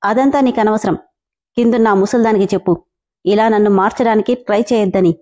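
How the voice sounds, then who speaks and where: A woman's voice: medium pitch, steady tone, brisk, dark tone, close to an everyday voice. A woman voicing a cold, arrogant young husband who scolds curtly in a story reading. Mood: stern. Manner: curt and scolding.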